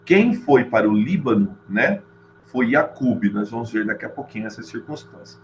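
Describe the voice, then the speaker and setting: A man's voice: mid-range voice, animated, moderate pace, poor audio. A middle-aged man with a Brazilian accent giving a casual literature lesson, informal and chatty, often checking in with his listeners. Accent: Brazilian Portuguese. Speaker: literature teacher. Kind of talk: casual classroom lecture.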